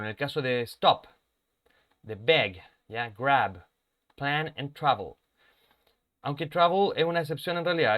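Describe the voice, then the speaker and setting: A man who speaks natively, teaching a live online English lesson, explaining in mixed with English and slowly repeating example words. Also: medium pitch. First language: Spanish.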